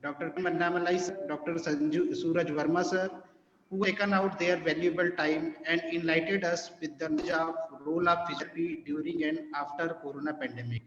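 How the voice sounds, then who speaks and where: A man's voice: on the high side, fairly even intonation, brisk, a bit bright, slight background noise. A man with an Indian English accent giving a formal vote of thanks in a webinar. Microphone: video call. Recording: roomy, echoey lo-fi call with faint ambience.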